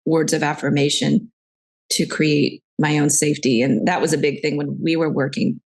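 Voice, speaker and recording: Here a woman hosting a podcast opens up about her own experiences, candid and reflective as she tells personal stories in a conversational interview. She speaks at a moderate pace, her low-pitched voice level in tone.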